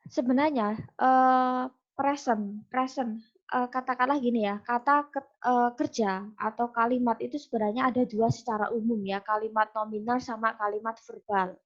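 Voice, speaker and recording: A woman's voice: a little high, fairly even intonation, normal speed, dull audio. A woman with an Indonesian accent teaching English grammar in an online class, explaining step by step with many fillers and restarts. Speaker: English lecturer.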